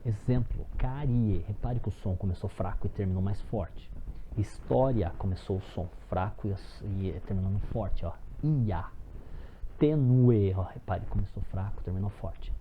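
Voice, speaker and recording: A man's voice: fairly low pitch, highs cut off, slight background noise. A man from Brazil teaching a recorded phonetics lesson, explaining step by step and calling his viewers friends as he stresses example words.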